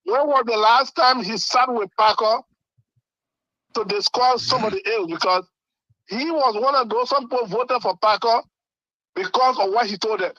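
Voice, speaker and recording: A man's voice: high voice, bright, forceful tone, no room sound, dull audio. A man putting questions in an argumentative community discussion, insistent and often repeating words. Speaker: panel caller putting questions.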